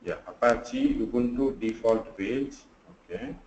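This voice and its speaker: Running a live screen-share tutorial on a video call, a drowsy, tired instructor pauses frequently and works things out aloud, filling gaps with fillers. He has a mellow, dark, medium-pitched voice. The sound is dull and roomy, carrying a faint underlying hiss.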